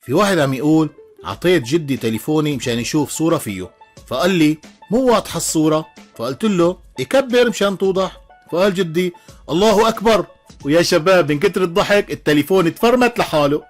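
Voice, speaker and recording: A man with a Levantine Arabic accent tells joke after joke at a brisk clip, his voice sitting a little high for a man. He jumps into quick character voices for the punchlines and chuckles along. Soft music plays faintly underneath. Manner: animated storytelling, switches into character voices, chuckles. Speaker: joke teller.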